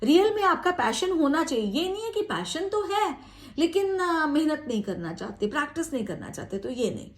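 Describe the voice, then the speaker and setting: Casting: female English teacher, high voice, upbeat coaching, slow drilled example phrases. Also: sing-song. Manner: encouraging, chatty. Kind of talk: spoken English lesson.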